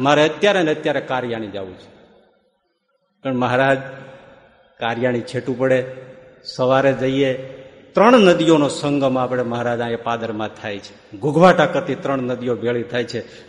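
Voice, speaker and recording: Brief: man giving a devotional sermon story, expressive delivery, roomy echoing hall. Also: mid-range voice. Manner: vivid storytelling with acted quotes. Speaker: religious storyteller. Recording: echoey hall with long reverb.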